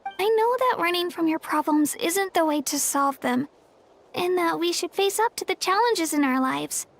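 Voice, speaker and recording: A woman's voice: very high-pitched, animated, moderate pace, a little hiss or hum. A woman voicing a small, earnest, kind fairy companion with a girlish voice in a video game. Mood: earnest concern. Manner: earnest, gentle.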